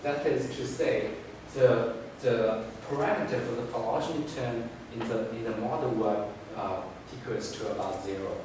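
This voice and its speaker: A man who speaks as a gives an academic thesis defense presentation in a halting, hedging way with frequent restarts. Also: medium pitch. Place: indoor room, recorded from a distance. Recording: echoey room, distant mic, noisy background.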